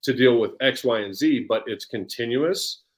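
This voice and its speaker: A man in his forties, a personal development coach, chats energetically in a casual podcast interview, often restarting and repeating words. His voice is medium-pitched and moves at a moderate pace.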